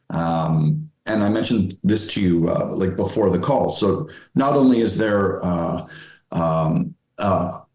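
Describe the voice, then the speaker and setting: A man talking as a guest in a casual interview, halting, with many fillers and restarts. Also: low voice, darkish tone, echoey room. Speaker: guest, dads' coach.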